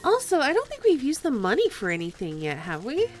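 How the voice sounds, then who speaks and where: Female game streamer, high and very animated, playful casual chat, faint music bed. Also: fairly quick. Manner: playful, chatty, sing-song greetings. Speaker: live streamer.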